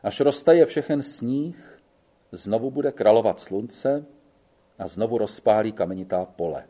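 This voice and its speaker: A man narrating a literary audiobook in a measured, even reading. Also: on the low side.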